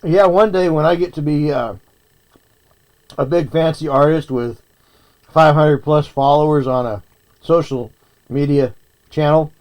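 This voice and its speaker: A man's voice: fairly high pitch, unhurried, long pauses, darkish tone. A man chatting casually on a livestream while he eats, sometimes talking with his mouth full. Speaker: streamer.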